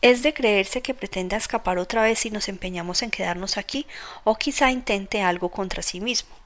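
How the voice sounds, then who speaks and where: A woman's voice: mid-range voice, normal speed, lightly acted. A woman reading the lines of a loyal, boisterous young male friend who talks bluntly and at length. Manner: blunt, talkative.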